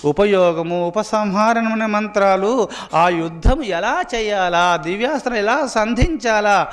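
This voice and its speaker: A man with a high voice delivers a devotional story-sermon, now and then easing into slow, drawn-out chants of verse. His voice rings with a long reverb, as if he is recorded in a large hall. He comes from India and speaks as a swami giving a religious discourse.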